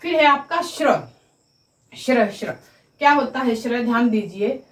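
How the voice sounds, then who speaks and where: A woman teaching grammar in a slow, deliberate way. She repeats each sound for pronunciation and checks with her students that they follow. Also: fairly high pitch, expressive, roomy sound, rough recording. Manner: addresses viewers as students, checking understanding. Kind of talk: classroom-style explanation at a board.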